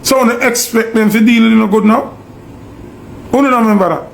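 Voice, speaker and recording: A man's voice: extremely high pitch, moderate pace, gravelly, slight background noise. A Jamaican man delivering a preachy, emphatic rant to camera, firing off repeated rhetorical questions. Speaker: online commentator. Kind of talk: ranting monologue.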